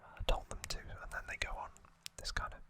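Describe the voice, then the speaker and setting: A breathy-whispering ASMR host delivers an unhurried, low-key recap. The tone is soft and casual, with little conversational detours.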